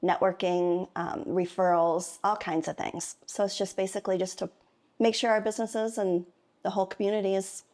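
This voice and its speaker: A woman speaking as a podcast guest, answering questions in a friendly, explanatory way. She pauses now and then with small fillers. Her voice is ordinary in pitch and tone. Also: little pitch movement, a little mellow. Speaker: chamber of commerce president, guest. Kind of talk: interview answers.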